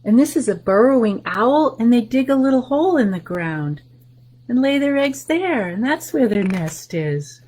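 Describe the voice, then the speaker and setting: At a library story time, a woman reads a picture book to children and explains the illustrations at normal speed. Her voice is on the high side and expressive, gentle and often falling to a soft whisper.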